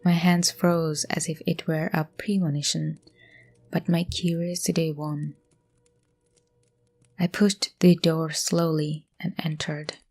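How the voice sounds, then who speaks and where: A woman narrating a scary story in a hushed voice, often dropping to a whisper. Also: deep voice, little pitch movement, takes it slowly, faint music behind. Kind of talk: scripted horror story narration.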